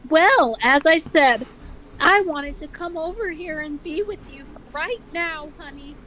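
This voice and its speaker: A woman voicing an anxious, doting cartoon meerkat mother who talks haltingly and a little tensely. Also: high-pitched, fairly bright tone, pitched above the performer's own voice. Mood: tender. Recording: clearly noisy amateur recording.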